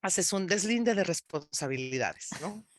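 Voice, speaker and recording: A woman's voice: fairly low pitch, expressive, unhurried, no echo. Dry-sounding woman, conversational interpreter. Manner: conversational, seeks agreement with tag questions. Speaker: interpreter and guest. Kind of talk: casual explanatory interview.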